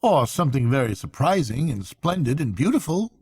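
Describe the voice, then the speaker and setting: Man reading as musing, mellow storybook water rat. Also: medium pitch, sing-song, husky, no room sound, studio quality, pitched above the performer's own voice. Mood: dreamy, tired. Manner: slow, musing, murmuring. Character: thoughtful, dreamy water rat, kindly male animal friend.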